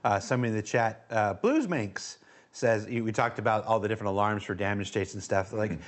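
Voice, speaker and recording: A man's voice: lowish voice, fast. Stammering chatty male host. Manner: chatty, stammers and repeats words. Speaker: livestream host. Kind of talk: casual panel chat.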